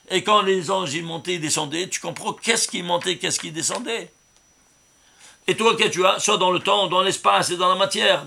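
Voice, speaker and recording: In a gravelly voice on the high side, a rabbi emphatically comments on the Torah with interpretations of numbers, loudly stressing words and regularly asking his audience rhetorical questions.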